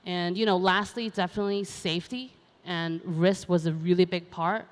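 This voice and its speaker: A woman's voice: lowish voice, fairly even intonation, normal speed. A young adult woman from Hong Kong speaking on a conference panel, talking casually with many fillers like um and you know. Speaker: panel speaker, racing driver. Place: large conference hall. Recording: long hall reverb.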